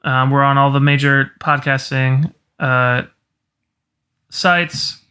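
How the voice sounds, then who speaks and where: A man's voice: mid-range voice, steady tone, slow pace, pushed and bright, clear, resonant tone. A man hosting a casual movie podcast, easygoing and wrapping up with plenty of fillers. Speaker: podcast host.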